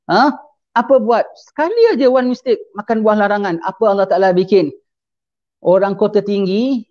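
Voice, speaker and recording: A man's voice: high-pitched, a little mellow, muffled recording. A man preaching a sermon, mixing English phrases into his speech and asking his audience questions that he then answers himself.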